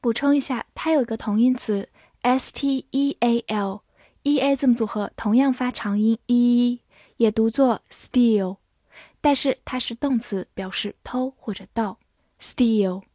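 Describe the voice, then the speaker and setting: A Mandarin-speaking woman gives a scripted English vocabulary lesson at an unhurried, deliberate pace. She spells out each word letter by letter and carefully reads example sentences in a fairly high voice. The sound is dry, with no room echo. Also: dark tone. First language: Mandarin Chinese.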